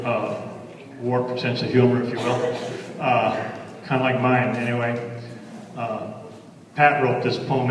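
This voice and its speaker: A very echoey, distant recording of an older man in a big reverberant hall. He has a rural Western American accent and a folksy cowboy drawl. He tells stories and recites cowboy verse in a wry, colloquial, rambling way. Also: mid-range voice. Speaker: cowboy poet. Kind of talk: folksy live storytelling and cowboy poetry recital. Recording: echoey hall, voice far from mic.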